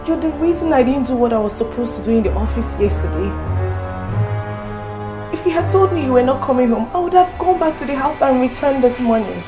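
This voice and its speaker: A harried young Nigerian working woman in a film melodrama. Her high voice swoops around as she pleads and exclaims. Music is clearly heard behind her. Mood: hurt. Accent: Nigerian, Igbo-influenced English.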